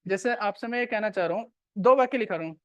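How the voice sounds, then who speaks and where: A man's voice: high-pitched, fast, no room sound. Man lecturing a class, quizzing students. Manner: repeats key points and quizzes students. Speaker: teacher.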